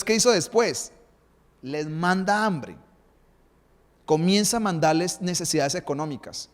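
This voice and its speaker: Man preaching a sermon, reverberant hall. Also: a little high. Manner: animated preaching with rhetorical questions. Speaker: pastor.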